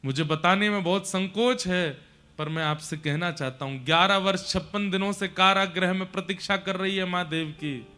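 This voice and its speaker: A solemn grown messenger, hesitant and formal, speaking low and heavy, as a male preacher plays him. Soft music lingers behind his careful words. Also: moderate pace, clear, resonant tone.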